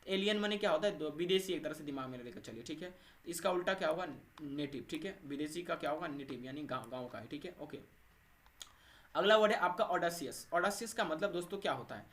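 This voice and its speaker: Speaking fast in a slightly high, animated, somewhat bright voice, a man runs through English vocabulary for exams. After each point he repeats "thik hai" and "doston" to check on his viewers, and he asks his own questions and then answers them.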